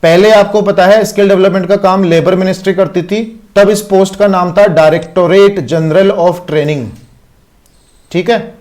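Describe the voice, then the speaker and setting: A man's voice: high-pitched, fairly even intonation, unhurried, a little mellow. A man with an Indian accent teaching an online exam-prep lecture, explaining step by step and checking in with constant rhetorical questions.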